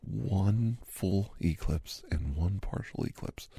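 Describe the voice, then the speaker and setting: A chatty male doctor in his fifties, played by a man in a whispered role-play, gravelly and dark-toned. He rambles in an easy, half-whispered way while giving a massage, close and dry on the mic. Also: low voice, takes it slowly, no room sound, full character voice. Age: 50s. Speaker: ASMR host.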